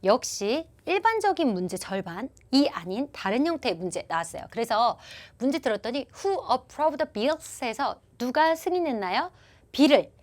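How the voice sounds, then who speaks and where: A woman's voice: on the high side, moderate pace. A woman teaching an online English listening exam class, explaining answers and acting out example dialogues. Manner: lively, animated explanations with acted-out dialogue examples. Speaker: TOEIC listening instructor. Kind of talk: online exam-prep lecture.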